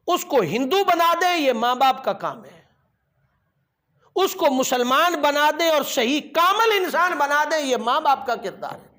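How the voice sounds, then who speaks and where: A man's voice: extremely high pitch, bright, forceful tone. A man preaching a Friday sermon in an emphatic, rhetorical way, repeating his key phrases and asking the listeners questions.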